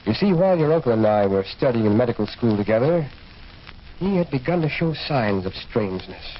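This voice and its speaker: In a muffled, noisy old radio recording from a 1940s horror drama, a male actor with a medium-pitched, sing-song voice plays a sober, sceptical physician recounting a haunting. He speaks gravely, firmly and with measured care, and the mood is grave and foreboding.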